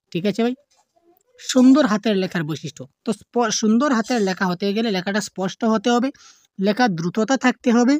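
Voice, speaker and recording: Her voice is mid-range and darkish, recorded with no room sound, as she runs an online exam-prep class. Reading multiple-choice items aloud, she stretches out each option before quickly supplying the answer, asking and answering her own questions and mixing in English terms.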